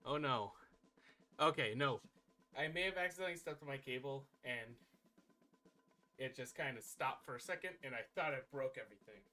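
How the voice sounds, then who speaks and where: A man's voice: mid-range voice, normal speed, pauses often, pushed and bright, soft background music. A man streaming live, chatting casually and counting his exercise reps aloud while catching his breath.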